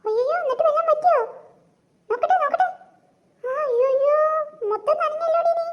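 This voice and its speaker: A woman's voice: very high-pitched, a little fast, dull audio, voice pushed up. A woman voicing a fretting, doting cartoon mother. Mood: alarmed. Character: fussing caring cartoon mother. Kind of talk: Malayalam cartoon dubbing.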